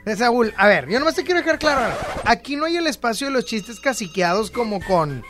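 A man's voice: very high voice, sing-song, music in the background. A man with a Mexican accent hosting a call-in radio show, joking and teasing his callers and his producer. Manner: teasing, playful, quick jokes. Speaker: radio host.

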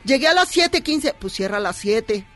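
Flamboyant high-voiced man with a put-on accent. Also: sing-song, normal speed, fairly bright tone, faint music behind. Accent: put-on foreign accent. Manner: flamboyant, calls everyone "papi", puts on a foreign accent. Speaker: cabaret performer guest. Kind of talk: playful comedic promo chat.

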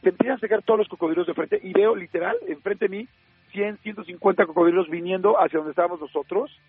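A man with a Mexican accent, a radio host telling an anecdote in a lively way, full of fillers and acted-out quotes. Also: sits high, quick pace, husky, dry recording. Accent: Mexican Spanish. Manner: lively storyteller acting out quoted dialogue, many fillers. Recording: narrow phone-like sound, faint music.

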